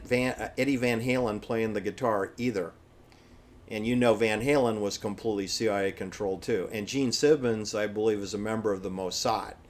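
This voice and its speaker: Blunt, emphatic American man talking off the cuff. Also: lowish voice. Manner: emphatic, repeats phrases for stress; dismissive, blunt assertions. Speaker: solo commentator. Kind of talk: opinionated off-the-cuff monologue.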